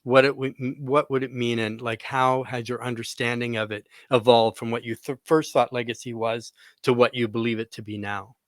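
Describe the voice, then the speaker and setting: Man, podcast host, mid-pitched voice, chatty, upbeat, dry close mic. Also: level tone, normal speed, few pauses, no room sound. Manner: upbeat, chatty, rambling with fillers. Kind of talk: casual podcast interview.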